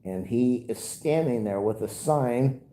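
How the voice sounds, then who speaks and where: Hosting a casual livestream, a man with a stuffed-up nose rambles and grumbles in a nasal voice. It's medium-pitched and mellow, and his pace is a little slow.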